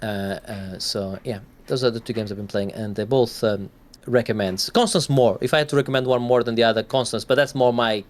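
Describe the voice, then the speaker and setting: A man's voice: medium pitch, fairly even intonation, a little fast, few pauses. A man co-hosting a gaming podcast, talking in a rambling, casual way and swearing now and then. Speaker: podcast co-host.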